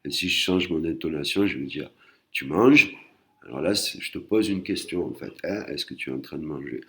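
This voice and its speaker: Very deep-voiced man teaching. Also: a little fast, a bit bright. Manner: patient, repeats and rephrases himself. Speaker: Thai teacher. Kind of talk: explanatory online lesson.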